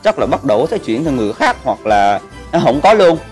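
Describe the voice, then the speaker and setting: A man's voice: mid-range voice, very animated, a little fast, a little mellow. Brief: a male streamer joking crudely with his viewers, chatty and casual, with faint music in the background. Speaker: game streamer. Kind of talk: casual live-stream chat.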